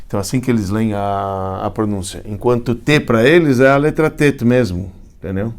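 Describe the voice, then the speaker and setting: A man's voice: fairly low pitch, normal speed. A man, a rabbi teaching Hebrew letters in a class, explaining step by step and often asking if students follow. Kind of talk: classroom lecture.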